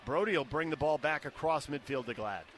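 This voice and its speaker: Bright-voiced American man calling live soccer. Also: on the high side, brisk. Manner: clipped running description of the action. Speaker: play-by-play commentator. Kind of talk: live soccer match commentary. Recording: stadium noise behind the voice. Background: outdoor stadium ambience.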